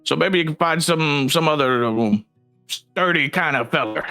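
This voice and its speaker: Man putting on a fussy guild leader, rambling, hesitant, folksy, gravelly, raised voice. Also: on the high side, normal speed, sharp tone, faint music behind, voice pushed up. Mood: earnest.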